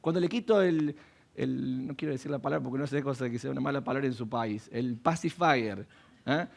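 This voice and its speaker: Gravelly preaching pastor, a man. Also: mid-range voice, brisk. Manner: preaching with rhetorical questions to the congregation. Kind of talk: sermon. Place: church.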